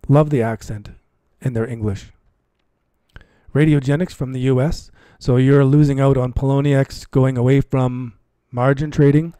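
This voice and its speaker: This cryptocurrency trading commentator runs a live stream, chatting informally with viewers and often saying things twice for emphasis. His voice is mid-range and mellow, recorded at studio quality with no echo.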